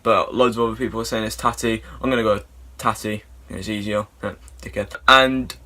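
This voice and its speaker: A young man, rambling through an absurd comic story with lots of swearing and deadpan asides. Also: lowish voice, moderate pace.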